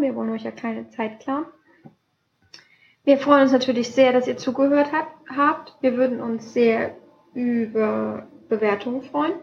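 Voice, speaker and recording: A young woman co-hosts a casual podcast, chatty and cheerful, filling her speech with plenty of fillers. Her voice is fairly high, a little mellow, with vocal fry, and German is her first language. The home podcast recording is dull and lo-fi.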